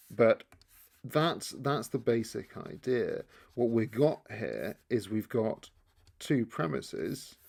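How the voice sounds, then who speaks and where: Gravelly low-voiced man teaching. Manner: relaxed, thinking aloud, frequent restarts. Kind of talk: explainer lesson while drawing.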